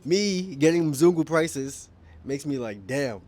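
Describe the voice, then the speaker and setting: On an outdoor rooftop, a young Kenyan vlogger with an American accent talks casually to camera, rambling, correcting himself, and laughing often. His voice is a little high, expressive, slow, and a little mellow.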